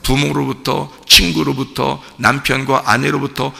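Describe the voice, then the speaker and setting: A man preaching an impassioned sermon in a church, swinging from quiet talk to shouting. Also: mid-range voice, level tone, a little slow, gravelly. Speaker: pastor. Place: church sanctuary, early morning service. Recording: church hall reverb.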